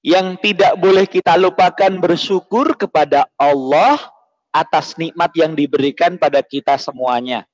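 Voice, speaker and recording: A man's voice: on the high side, normal speed, dry recording. A man presenting to schoolchildren in a playful, joking way, teasing them and firing off call-and-response questions. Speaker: children's presenter at a school holiday event. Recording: dull lo-fi, dry sound.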